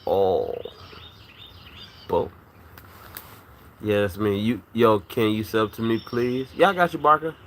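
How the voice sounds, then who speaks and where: Profane livestream host with a swollen tooth. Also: male voice, on the low side, slow pace, pauses often, slight background noise. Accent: Virginia. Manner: loose, profane, talks to chat by name. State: swollen wisdom tooth, mouth not fully closing. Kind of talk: casual live chat.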